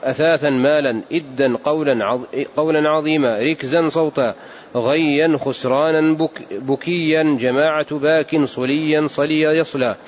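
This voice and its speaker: A man reading hadith text aloud in a steady, formal recitation in a large mosque. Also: on the high side, moderate pace, lo-fi sound, a little hiss or hum.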